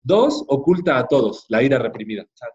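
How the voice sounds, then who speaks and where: Here a Mexican-accented man teaches a Bible class in a chatty, direct way, checking in with tag questions again and again. He's expressive and brisk, with a darkish middle-pitched voice, and the audio sounds a bit dull and lo-fi.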